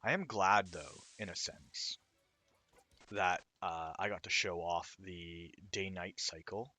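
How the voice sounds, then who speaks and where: A man with a hoarse, raw throat, casually explaining his own game while he plays it. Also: low voice, slow pace, sharp tone. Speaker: indie game developer. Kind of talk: let's-play commentary.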